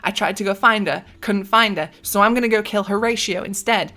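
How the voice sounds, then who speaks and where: A woman voicing a brash, foul-mouthed young female warrior who talks fast and bluntly. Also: medium pitch, pushed and bright, close to an everyday voice. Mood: urgent, defiant. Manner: rapid, swearing, blunt.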